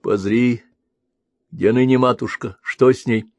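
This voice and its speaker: A man's voice: mid-range voice, steady tone, measured pace, darkish tone, no room sound. A male reader voicing a weary young warrior prince, curt and commanding. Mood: troubled.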